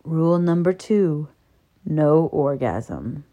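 A woman doing a low, hushed commanding man. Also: animated, dull audio, heavily acted. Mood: stern, hushed. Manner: quiet, low, slow commands.

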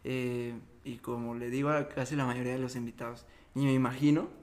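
A man's voice: medium pitch, flat delivery, fairly quick, darkish tone. Earnest man in his thirties. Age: 30s. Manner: earnest, rambling, many restarts. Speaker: podcast co-host. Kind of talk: casual podcast chat.

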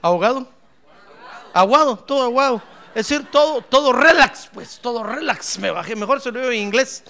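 Animated, gravelly-voiced male pastor preaching. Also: very high-pitched, normal speed. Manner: animated, playful, asks the congregation questions; bursts into shouts then drops to soft asides. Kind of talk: lively sermon.

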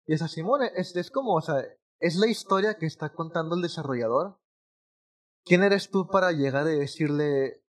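Animated man, higher voice. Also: moderate pace. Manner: animated, rambling with restarts and slang. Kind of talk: casual gaming chat.

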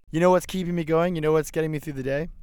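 A man from Massachusetts hosting a podcast in a casual, joking, conversational style. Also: fairly high pitch. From Massachusetts, USA. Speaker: podcast host. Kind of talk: casual comedic chat.

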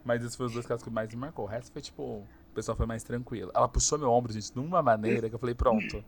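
A young man with a Brazilian Portuguese accent, chatting casually as a guest and telling lively stories, laughing often and acting out what people said. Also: mid-range voice, racing, very noisy. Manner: animated storyteller, laughs often, acts out quotes. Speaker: streamer guest. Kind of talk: casual podcast chat.

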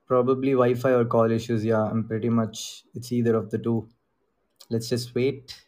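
A man's voice: medium pitch, little pitch movement, normal speed, a little mellow. Casual Indian-accented man hosting a group call. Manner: informal, mixes Hindi phrases into English. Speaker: host of an online group call on crypto investing.

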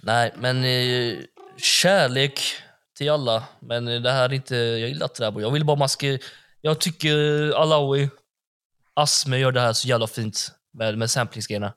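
A young man from Backa, Gothenburg, Sweden, speaking with a Gothenburg accent, co-hosts a podcast and talks eagerly about hip hop, full of slang and freely swearing. His voice is mid-range, fairly bright and smooth.

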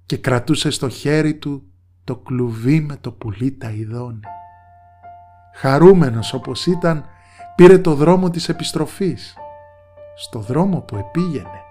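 A man's voice: mid-range voice, warm tone. A man narrating a folk tale with rhythmic, repeated phrases. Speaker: storyteller.

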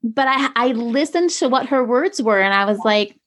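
A woman in her forties chatting casually as a co-host and parent, telling animated stories and acting out family conversations. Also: on the high side, normal speed, slight background noise. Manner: animated storytelling, acts out family dialogue. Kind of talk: casual chat with anecdotes.

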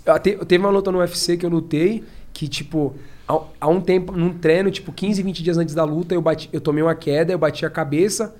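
A man, a podcast guest telling stories in a slangy, animated way. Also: fairly high pitch, a little fast, hardly any pauses. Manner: slangy and animated, acts out his own past shouts. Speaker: podcast guest, professional fighter. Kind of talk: casual storytelling.

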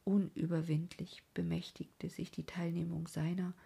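A woman narrating a classic novel in a slow, earnest way, often sinking into a soft whisper. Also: lowish voice, flat delivery, gravelly, breathy edge. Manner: slow, earnest, dramatic phrasing. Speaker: audiobook narrator. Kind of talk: literary reading of a classic novel.

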